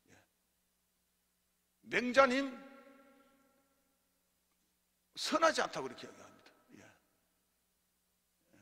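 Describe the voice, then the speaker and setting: A male pastor teaching theology in a church, animated and leading the congregation in repeat-after-me lines and amens. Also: on the high side, fairly quick. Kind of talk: sermon-style theology class. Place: church hall. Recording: hall reverb.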